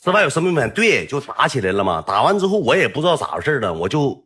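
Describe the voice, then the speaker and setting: A man with a Northeastern Mandarin accent telling a rambling story in a casual, animated way, swearing freely. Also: mid-range voice, rapid-fire.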